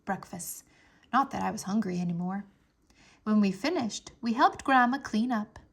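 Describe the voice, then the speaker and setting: A woman reading a children's chapter book aloud, narrating in an expressive, animated way. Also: medium pitch, normal speed, creaky.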